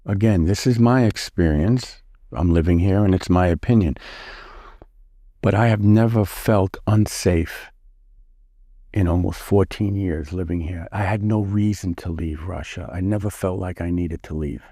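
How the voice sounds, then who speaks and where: Middle-aged guy from the us, lowish dark voice, stops and restarts a lot, dry close sound. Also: dry recording. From United States. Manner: halting, with many restarts and repeated words. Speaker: interview guest. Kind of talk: casual interview answers.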